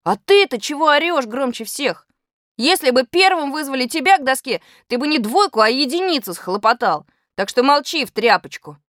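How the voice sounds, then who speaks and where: A woman's voice: mid-range voice, expressive, brisk, a bit bright, dry recording, clean studio sound, close to an everyday voice. Lady doing a mouthy schoolboy from a storybook, talks back, voice goes up and down a lot. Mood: defiant. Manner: cheeky, defiant. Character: cheeky underachieving schoolboy talking back.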